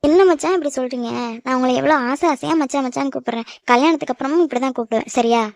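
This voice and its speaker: A woman's voice: high-pitched, racing, darkish tone, dry recording. A woman with a Tamil accent voicing cartoon characters, scolding and teasing. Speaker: voice actor in a cartoon. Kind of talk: animated cartoon dub acting.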